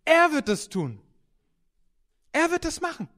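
High-voiced animated preacher. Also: male voice, a little slow. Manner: animated, swings between soft and loud, storytelling. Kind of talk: sermon with anecdotes.

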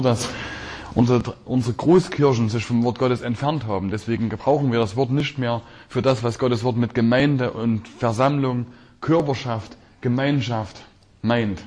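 A man preaching a sermon, reading scripture aloud slowly and repeating key phrases with shifting emphasis. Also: mid-range voice, a little mellow.

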